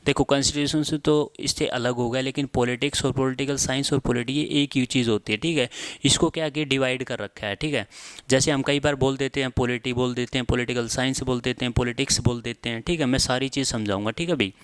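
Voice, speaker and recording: Young guy teaching exam prep, smooth voice, dry close mic, keeps repeating terms slow. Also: mid-range voice, steady tone, fairly bright tone, no room sound. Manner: conversational, repeats terms slowly for dictation; frequent filler tags at phrase ends. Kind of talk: online exam-prep lesson.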